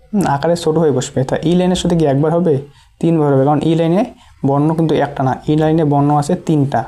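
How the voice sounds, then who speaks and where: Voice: mid-range voice, dark tone. A teacher, giving a patient step-by-step language lesson and repeating each syllable while writing.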